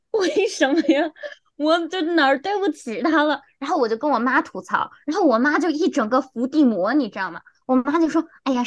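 A young woman with a high voice tells a story in lively, exasperated bursts in a casual podcast chat. The sound is dry and close, with no room around her. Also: dry recording. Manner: animated storytelling, exasperated rants. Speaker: podcast co-host.

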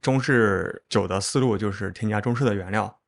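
Low-pitched man hosting a casual chat. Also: normal speed, gravelly. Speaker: interviewer, podcast host.

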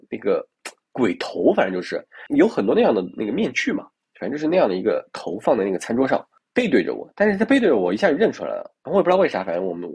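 Husky fast-talking male podcast host. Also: medium pitch, a little mellow. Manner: talks to the listener directly, with many asides; restarts and fillers while recounting. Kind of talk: casual storytelling monologue.

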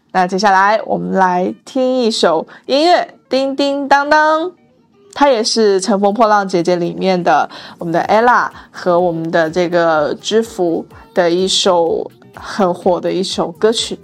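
A woman's voice: lowish voice, moderate pace, faint music behind. A woman hosting a casual explainer show on Chinese internet slang, quoting catchphrases as she goes.

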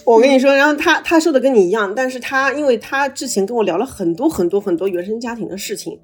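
Podcast host, woman, video call, excitable storyteller with a slight stammer, a bit breathy. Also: a little high, fast talker. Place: travelling abroad, on a video call.

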